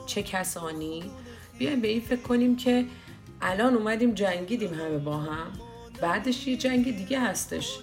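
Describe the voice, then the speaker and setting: A woman's voice: mid-range voice, vocal fry. A woman talking earnestly and persuasively in a casual discussion, acting out little dialogues to make her point.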